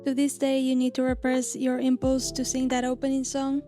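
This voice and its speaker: A woman in her thirties from Argentina, an illustrator narrating her own story in a gentle, reflective scripted voice-over. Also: high-pitched, completely flat delivery, normal speed. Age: 30s. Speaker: illustrator and channel host. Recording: lo-fi music bed under voice.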